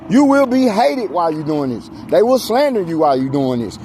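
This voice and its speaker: A man's voice: sits high, very animated, fairly quick, dark tone, poor audio. An exasperated American man venting and preaching in casual, emphatic, repetitive talk as he walks along. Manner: speaks while walking. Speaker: vlogger. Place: outdoors on a street. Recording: street noise, handheld outdoor recording.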